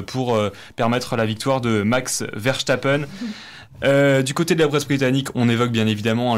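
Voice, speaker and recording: A man presenting a press review on student radio reads out sports news in a medium-pitched voice. He sounds hesitant, with many fillers and restarts.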